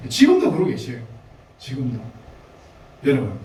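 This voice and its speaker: A man's voice: mid-range voice, wildly swooping pitch, moderate pace, darkish tone, very echoey, far from the mic, a little hiss or hum, low-quality recording. A man with a Gyeongsang Korean accent preaching a sermon, talking conversationally to the congregation with laughs and asides. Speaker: pastor. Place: church sanctuary.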